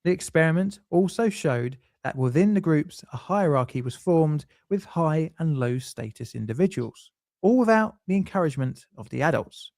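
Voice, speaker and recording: A man narrates a scripted explainer in a measured, faintly dry manner. His voice sits a little high for a man, and the recording is close and dry with no room sound. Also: darkish tone, no room sound. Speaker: documentary narrator.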